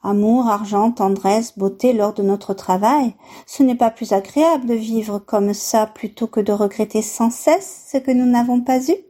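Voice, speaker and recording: A woman hosting a youth literature program, reading a tale aloud in a clear, measured storytelling voice. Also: fairly high pitch, dark tone. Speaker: radio program host and reader. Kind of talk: scripted narration of a tale and book review.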